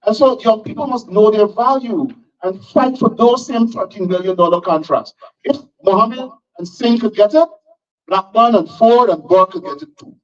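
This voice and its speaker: A man on a town hall panel giving an impassioned speech, emphatic and rising to sharp outbursts. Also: high voice, moderate pace. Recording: distant, dull lo-fi sound.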